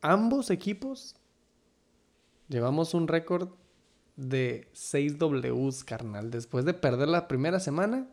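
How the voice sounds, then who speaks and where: A man with a Mexican Chicano accent and a fry-edged, gravelly voice talks casual league banter. He speaks at a middle pitch, peppers his talk with slang, and slips into English phrases. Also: lively intonation, unhurried, a little mellow. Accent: Mexican Spanish with Chicano flavor. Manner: slangy, code-switches into English. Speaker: sports league podcast co-host.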